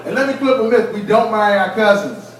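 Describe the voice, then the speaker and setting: A man in his forties from Kentucky doing a stand-up comedy set, with a wry delivery that builds to punchlines and slips into quick acted asides. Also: high voice, lively intonation, heavy reverb, distant mic, crowd noise, poor audio. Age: 40s. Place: comedy club stage.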